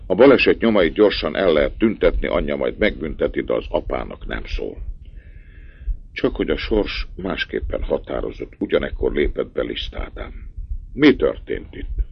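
Very deep male storyteller, gravelly, husky, lively intonation, dull dry lo-fi recording. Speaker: narrator. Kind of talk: storybook reading.

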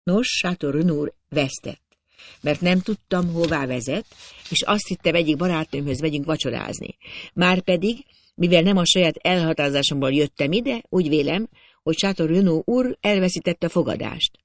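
A man reading a proud young woman who speaks with defiant dignity in an audiobook. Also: fairly high pitch. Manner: dignified, pleading.

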